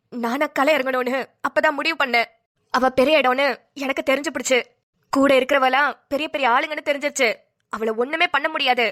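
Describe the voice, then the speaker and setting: A woman voicing a stern, resolute elderly village grandmother in a cartoon, speaking bluntly and gravely. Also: high voice, a bit bright. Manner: blunt, unrepentant, slow and grave. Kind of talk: cartoon voice acting.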